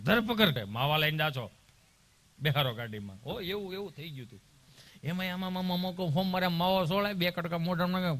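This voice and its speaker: A man telling comic stories in stand-up, animated and punchy. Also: sits high. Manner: animated, punchy, anecdotal delivery. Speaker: comedian. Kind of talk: stand-up comedy storytelling.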